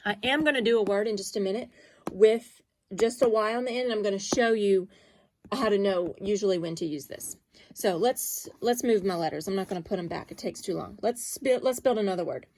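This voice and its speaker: A woman's voice: mid-range voice, a little fast, darkish tone, dry recording. A woman teaching a phonics lesson to young children, patiently sounding out letters and syllables.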